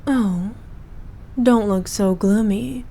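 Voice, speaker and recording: A woman with a mid-range, gravelly, warm voice speaks slowly in a scripted ASMR roleplay, playing an evil, imperious queen who is cruel to her subjects but dotes on her knight. Her manner is haughty, formal, and commanding, yet the mood here is tender and gracious.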